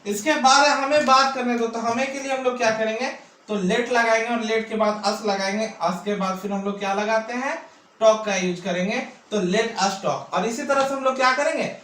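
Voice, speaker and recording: A high-pitched man gives an online English grammar lesson. He keeps asking his own questions and answering them, stretching out his words. His voice sounds echoey and a little distant from the mic. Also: a bit bright. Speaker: English teacher.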